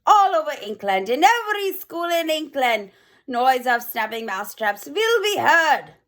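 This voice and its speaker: A gloating evil old witch queen, put on by a woman reading a storybook aloud, shouts her wicked plans in broken grammar. Her voice sits high and leaps all over. She rants slowly, relishing every word. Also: very animated, full character voice. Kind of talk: read-aloud children's book.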